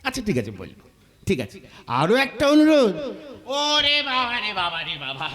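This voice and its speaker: A man's voice: high voice, huge pitch swings, moderate pace, pushed and bright, heavily acted. A man playing a flustered employee on the phone. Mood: bantering. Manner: bantering, flustered. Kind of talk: folk stage comedy acting.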